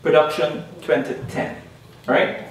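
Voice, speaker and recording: Speaking somewhat slowly in a level, fairly high voice, this young Guyanese panelist delivers an academic talk, hammering home key ideas and often asking "all right?" The lecture room recording sounds distant and heavily reverberant, with a faint hiss.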